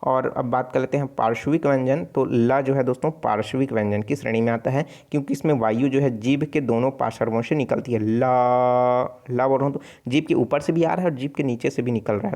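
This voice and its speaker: Hindi tutor with Chhattisgarhi accent. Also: male voice, mid-range voice, quick pace, few pauses, darkish tone. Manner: explanatory, repeats sounds aloud, frequent self-corrections. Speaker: online exam tutor. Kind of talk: casual spoken lesson.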